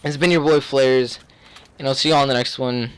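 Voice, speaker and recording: A young man chats casually as he tells a story to viewers. His pitch sits in the middle of the male range. He rambles in loose slang and often clears his throat. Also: fairly even intonation, normal speed. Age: young adult. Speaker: video creator.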